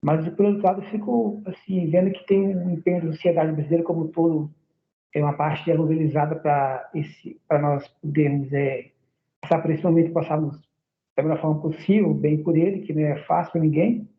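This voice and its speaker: A man's voice: fairly high pitch, fairly even intonation, a little fast. A man from Belo Horizonte introducing himself politely and hesitantly as a new master's student on a video call. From Belo Horizonte, Brazil. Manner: polite, hesitant, many fillers. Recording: tinny, echoey call line.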